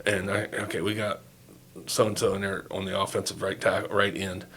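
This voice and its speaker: A man's voice: sits low, little pitch movement, normal speed, fairly bright tone, slight background noise. Older male coach with a Southeast Ohio accent, rambling and folksy, casual podcast storytelling. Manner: folksy, rambling, swears freely. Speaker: podcast guest, youth football coach.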